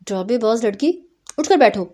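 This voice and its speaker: A woman's voice: fairly high pitch, expressive, darkish tone. A woman voicing a proud, short-tempered young husband who talks in harsh, scolding bursts. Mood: angry.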